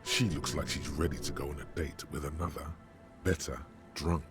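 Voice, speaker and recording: An actor voicing a sly, goading inner voice of the mind in a video game, knowing and insinuating. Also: male voice, rumbling low, steady tone, normal speed. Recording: music behind the voice.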